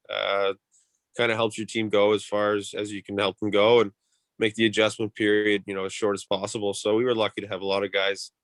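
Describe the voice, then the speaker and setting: A man with a lowish, fairly even voice gives casual interview answers. He speaks as a hockey player recounting his season, loosely and conversationally, in a very dry recording. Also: no room sound. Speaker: professional ice hockey player being interviewed.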